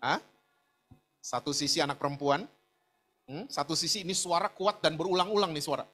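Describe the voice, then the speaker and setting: A man's voice: on the high side, fairly quick, a bit bright. A middle-aged man preaching a sermon, telling a personal story with frequent asides to the congregation. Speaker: pastor.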